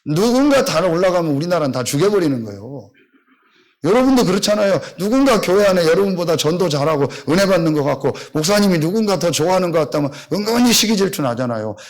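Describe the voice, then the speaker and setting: A man's voice: high voice, lively intonation, fast talker. A man from Seosan, a pastor, preaching a blunt sermon full of rhetorical questions to his congregation. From Seosan, South Korea.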